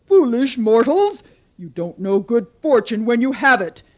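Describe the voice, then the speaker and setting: A woman's voice: lowish voice, animated, unhurried, darkish tone, dull audio. A woman voicing a proud wrathful harvest goddess. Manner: grand, wrathful.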